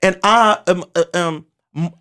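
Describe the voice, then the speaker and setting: With a clear, resonant tone and a fairly high pitch, this man in his 40s hosts a casual podcast and dominates the conversation. Animated and emphatic, he leans on street slang, making quick restarts before hammering his point home.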